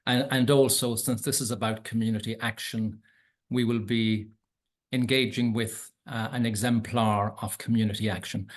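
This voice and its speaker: Earnest Irish man hosting a webinar. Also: medium pitch. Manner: measured, earnest, with occasional ums. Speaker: webinar host.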